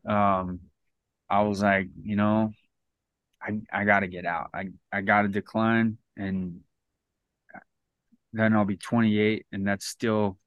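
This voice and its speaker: A man's voice: lowish voice, level tone, slow pace, pauses often, no echo, dull audio. A man in his thirties, a podcast guest, telling his story in a casual, rambling way with lots of restarts. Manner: rambling, many restarts and "like" fillers.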